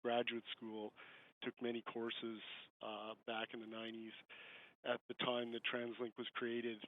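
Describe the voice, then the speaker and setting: A man in his fifties on a glitchy, faint phone line, speaking haltingly with many fillers during public comment at a council meeting. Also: medium pitch. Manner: hesitant, halting, full of "you know" fillers. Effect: glitchy, faint phone-line audio.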